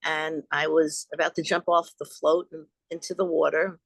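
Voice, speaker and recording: A woman's voice: low-pitched, level tone, moderate pace, creaky, fairly bright tone, no echo. An older woman from Long Island, a guest and author recounting personal experiences in an earnest, rambling way over a video call. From Long Island, New York. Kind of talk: storytelling in an interview.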